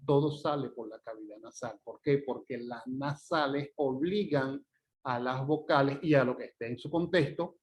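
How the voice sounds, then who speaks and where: Man lecturing, drawing out example words. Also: mid-range voice. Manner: checks in often with "¿ok?" and "¿verdad?", repeats example words slowly. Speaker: teacher. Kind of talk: phonetics lecture.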